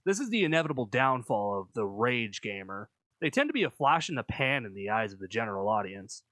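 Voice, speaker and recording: A man narrates a scripted video essay in a measured, explanatory way. His pitch moves around a lot for emphasis. The sound is dry, with no room to it. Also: big pitch swings, a bit bright, dry recording.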